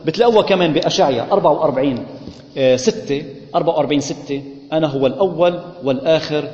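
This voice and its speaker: Male preacher, high voice, muffled lo-fi recording in a roomy hall. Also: racing, darkish tone. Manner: asks the congregation questions and answers them himself. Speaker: priest teaching scripture. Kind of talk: Bible study sermon. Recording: echoey hall, muffled lo-fi sound.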